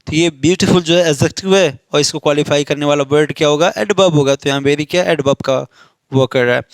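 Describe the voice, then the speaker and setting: Indian guy teaching english grammar for exams, kinda high clear voice, asks then answers himself, dry close mic. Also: no echo. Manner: reads example sentences slowly. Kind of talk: exam-prep grammar lesson.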